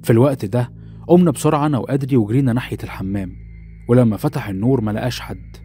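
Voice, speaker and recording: A man's voice: mid-range voice, racing, dark tone, soft background music. A man narrating a first-person horror story in an Egyptian Arabic accent, telling it dramatically.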